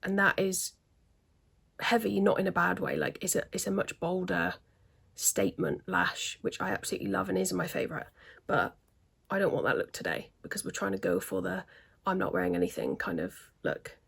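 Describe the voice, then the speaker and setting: A woman's voice: on the low side, lively intonation, fairly quick, creaky, breathy edge. A woman chatting casually through her makeup routine at home, with self-deprecating remarks and frequent half-whispered asides. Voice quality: slightly smoky laugh. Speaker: beauty vlogger. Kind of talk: casual get-ready-with-me chat. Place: at home, at a desk, in daylight.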